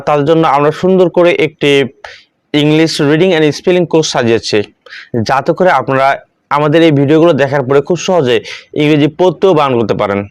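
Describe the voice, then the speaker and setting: A man teaching an English lesson, saying each letter slowly twice. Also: a little high, clear, resonant tone, dry recording. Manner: slow, repeats each item twice.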